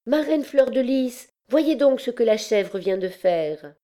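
A woman's voice: fairly high pitch, lively intonation, takes it slowly, warm tone, voice pushed up. A woman voicing an eager little girl in an audiobook. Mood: delighted.

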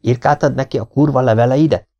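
A man voicing a furious, grieving middle-aged father who shouts and then pleads. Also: fairly low pitch, no room sound, lightly acted. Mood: shouting. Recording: dull lo-fi recording.

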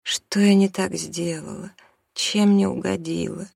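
A reader voicing an abandoned, worn-out mother who talks quietly and half-whispers from exhaustion. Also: medium pitch, steady tone, a little slow, gravelly, husky, dry recording, studio quality, pitched above the performer's own voice, full character voice. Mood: exhausted. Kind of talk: audiobook character reading.

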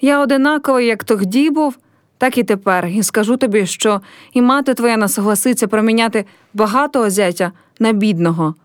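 A woman's voice: on the high side, a little fast, no echo, studio quality, close to an everyday voice. Petro, a woman voicing an earnest poor young man.

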